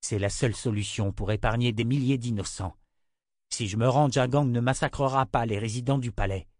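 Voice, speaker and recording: A man's voice: medium pitch, brisk, darkish tone, no echo, studio quality, lightly acted. A man reading an audiobook, voicing a young male hero who speaks in a grave, resolute way.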